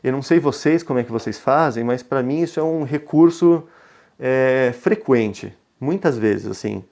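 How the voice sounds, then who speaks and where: Brazilian man in his thirties, parenting educator, gentle and reflective, mid-pitched, relaxed webinar delivery. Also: normal speed. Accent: Brazilian Portuguese. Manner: calm, reflective, gentle, often ending phrases with a questioning tag. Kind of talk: conversational webinar talk.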